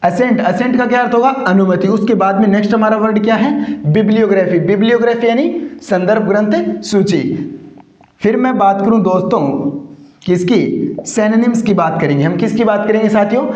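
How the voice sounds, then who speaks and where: A man teaching English vocabulary for exams, asking a question and answering it himself, and stretching words out slowly to show how they are said. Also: high-pitched, darkish tone. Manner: repeats each word with question-and-answer drilling; drawls words slowly for pronunciation. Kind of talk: exam-prep vocabulary lesson. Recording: roomy, dull lo-fi sound.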